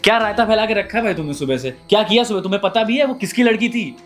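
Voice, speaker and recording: A man plays a domineering restaurant manager in a low-budget short film. His voice is high and fast as he scolds the guard, with faint music underneath. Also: a bit bright. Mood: scolding. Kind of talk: amateur short-film acting.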